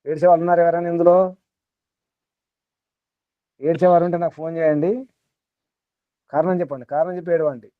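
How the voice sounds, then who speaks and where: A man's voice: fairly high pitch, little pitch movement, brisk, long pauses, dry recording. A man teaching a small group in a spiritual talk, repeating his points and asking rhetorical questions. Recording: tinny phone-like dry sound.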